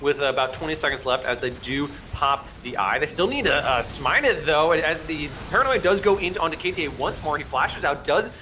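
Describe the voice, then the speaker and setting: Excitable young male esports caster. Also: fairly quick, hardly any pauses, faint music behind. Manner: excitable, speeds up and rises in pitch during fights. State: has the hiccups. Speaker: play-by-play caster. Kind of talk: esports play-by-play commentary.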